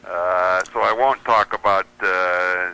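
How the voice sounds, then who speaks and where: An American man guests on a radio talk show as a reviewer of radio receivers, chatting casually in an interview while hesitating, restarting, and using many fillers. His low voice is steady and slow, pushed and bright, clear and resonant. The recording itself is rough.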